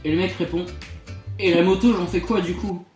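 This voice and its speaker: A man's voice: sits high, steady tone, a little fast, a little mellow. A man casually telling short jokes and acting out the dialogue in them. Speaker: participant in a joke duel. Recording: roomy echo, guitar music behind.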